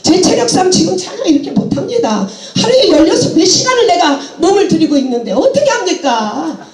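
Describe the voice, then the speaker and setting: A woman's voice: extremely high pitch, very animated, brisk, darkish tone, roomy sound. A woman preaching a sermon with passion, laughing and exclaiming as she goes, mixing English phrases into her talk.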